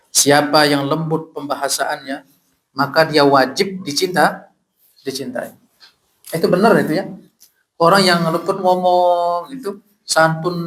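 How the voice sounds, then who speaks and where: A male ustadz giving a mosque study sermon, reciting Arabic sayings slowly, then explaining them in a conversational way and asking the audience questions. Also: fairly high pitch, fairly bright tone, rough recording. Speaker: ustadz teaching a kitab study.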